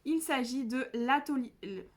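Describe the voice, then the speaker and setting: A woman's voice: high voice, unhurried. Chatty young woman vlogging about books. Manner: chatty, self-mocking, many fillers and restarts. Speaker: book vlogger. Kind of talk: casual chat.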